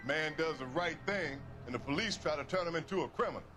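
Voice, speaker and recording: An actor playing a folksy, easily affronted 1940s American railway worker in a crime video game. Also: male voice, fairly high pitch, quick pace, over music, close to an everyday voice. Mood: indignant, defensive. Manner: folksy, plain-spoken, indignant when pressed. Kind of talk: dramatic video game acting, period crime drama.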